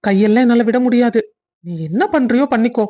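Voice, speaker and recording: Cartoon role: a woman playing a playful, bossy young husband, a bit high-voiced. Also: fairly even intonation, quick pace, dark tone, muffled recording, lightly acted. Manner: teasing, bossy. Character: young husband Santhosh, teasing and affectionate. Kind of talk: cartoon family drama voice acting.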